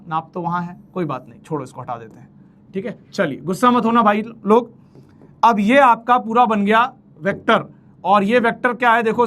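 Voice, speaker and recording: A man's voice: sits high, fairly bright tone. A man teaching a casual math lecture, chatty and playful, counting steps aloud as he draws and calling his students brother.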